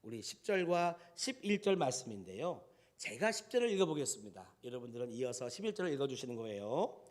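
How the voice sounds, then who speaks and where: A man's voice: mid-range voice, sing-song, fast talker. A male pastor preaching a sermon, animatedly speaking to his congregation directly.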